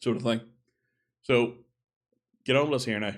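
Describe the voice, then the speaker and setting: A man's voice: medium pitch, moderate pace. A man giving a casual opinion monologue, chatty and thinking aloud as he corrects himself. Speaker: gaming video creator.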